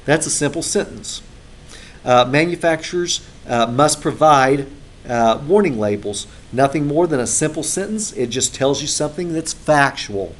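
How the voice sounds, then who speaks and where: A man's voice: on the high side, animated, normal speed. A male instructor giving a classroom lecture in a conversational way, with frequent filler sounds, recorded in a classroom.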